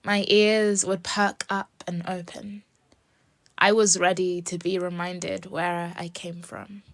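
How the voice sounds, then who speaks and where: A young woman from England reciting a personal spoken-word poem in a slow, soft, lyrical way, sometimes dropping to a whisper. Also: on the low side, level tone, dry recording. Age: young adult. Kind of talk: spoken-word poetry performance.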